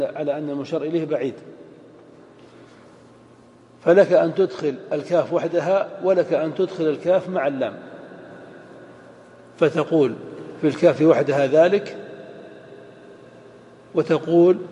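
Male grammar teacher, slightly high mellow voice, slow deliberate lecture delivery, long hall echo with faint hiss. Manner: slow, deliberate, repeats example phrases. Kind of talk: lecture explaining Arabic grammar.

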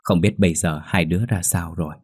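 A man narrating a scripted ghost story in a steady, measured way. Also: low voice, slightly rough, no room sound, studio quality. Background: faint background music.

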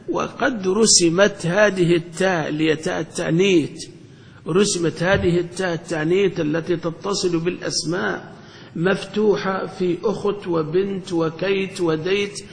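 A man leads a classroom grammar lesson. His voice sits high, and a long reverb trails off the walls of the hall. He keeps asking questions and repeats the key points. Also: vocal fry. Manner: questioning, repeats key phrases, checks students follow. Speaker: sheikh teaching Arabic grammar.

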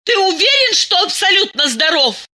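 A woman doing a shrill, hysterical jealous woman. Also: normal speed, pushed and bright. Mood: accusing. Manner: shrieking, accusing. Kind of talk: dramatic audiobook reading.

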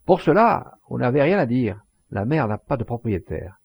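A man reading the part of a crafty, mocking poacher in a storybook, voicing him with cheeky, shouted taunts and a gravelly voice. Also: lowish voice, expressive, moderate pace, dry recording, exaggerated voice. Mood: taunting.

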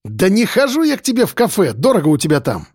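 A man's voice: high-pitched, huge pitch swings, fast talker, a little mellow, breathy edge, no room sound, clean studio sound, voice pushed up, heavily acted. A man voicing a lazy, dismissive male police desk officer. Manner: dismissive, grumbling.

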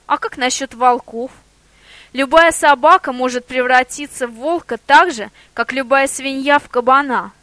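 Woman doing a sly bold boar, theatrical, persuasive, high pitch, dry close sound. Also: moderate pace, bright, forceful tone, dry recording. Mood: persuading.

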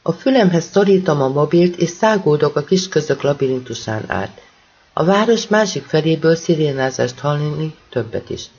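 A man's voice: fairly high pitch, expressive, a little mellow, breathy edge, lo-fi sound. A man reading a first-person audiobook with urgent, intense storytelling. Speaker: audiobook reader.

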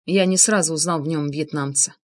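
A woman narrating an audiobook with an expressive, dramatic reading. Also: low-pitched, a little fast. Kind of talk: scripted narration.

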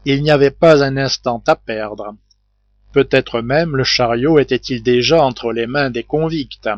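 A man reading a novel aloud as audiobook narrator, in a measured, steady scripted narration. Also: medium pitch, no echo. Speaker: audiobook reader. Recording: dull, muffled home recording.

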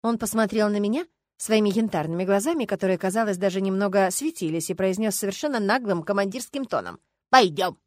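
Woman narrator, expressive first-person audiobook read, close dry recording, mid pitch. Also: fast, no room sound.

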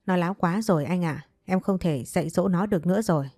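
Woman doing a nasty scolding mom in a story, low mellow voice, dry sound, faint music under. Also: fast talker, no echo. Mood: scornful. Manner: coarse, accusing, contemptuous. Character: harsh scolding mother, woman, middle-aged.

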